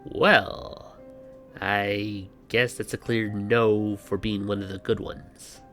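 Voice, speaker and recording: With background music playing, a male video host narrates a scripted explainer in a lowish, fairly bright voice. His delivery is flat and slow, yet the banter stays wry and sarcastic with exasperated asides.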